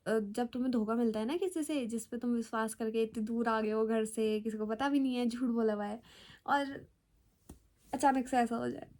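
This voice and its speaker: A woman's voice: a little high, fairly even intonation, normal speed, darkish tone. Chatty young woman telling a story. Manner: chatty, dramatic retelling with fillers. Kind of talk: casual storytelling.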